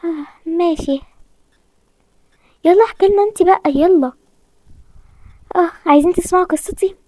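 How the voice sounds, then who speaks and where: High-pitched Egyptian woman telling a story. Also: dark tone, no echo. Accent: Egyptian Arabic. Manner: chatty, colloquial, quick back-and-forth. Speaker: storyteller voicing all the girls. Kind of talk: casual voiced toy-game story.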